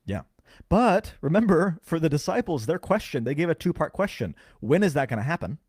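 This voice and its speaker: A man co-hosting a podcast, carefully explaining scripture in casual chat and slowing down to stress key words. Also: on the high side, big pitch swings, darkish tone, husky, no echo, studio quality. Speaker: podcast co-host. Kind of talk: casual Bible teaching chat.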